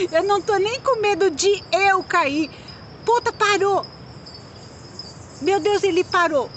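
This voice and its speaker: Woman vlogging on her phone, really high squeaky voice, slow jittery chatter, bit of outdoor noise. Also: fairly bright tone, dull audio. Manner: nervous, exclaiming, chatty. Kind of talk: casual vlog narration. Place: open cable-car chair outdoors. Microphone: handheld phone.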